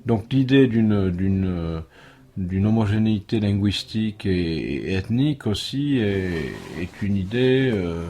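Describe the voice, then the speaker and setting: A man's voice: fairly low pitch, expressive, slow, dark tone, slight background noise. A middle-aged man from France answering an interview question at length, thoughtful and hesitant, with many fillers and restarts. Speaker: interviewed religious teacher.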